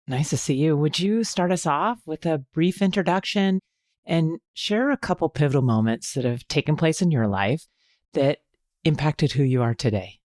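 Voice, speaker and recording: A man co-hosting a podcast, asking curious questions and jumping in with quick follow-ups. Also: on the high side, darkish tone, dry recording, clean studio sound. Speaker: podcast co-host.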